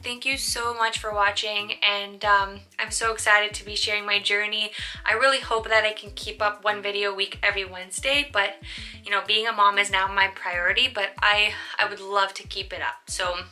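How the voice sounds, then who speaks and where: Bright-voiced chatty young woman vlogger. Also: mid-range voice, level tone, normal speed, faint music behind. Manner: chatty, rambling, lots of fillers. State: sleep deprived. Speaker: vlogger, new mother. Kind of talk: casual personal vlog.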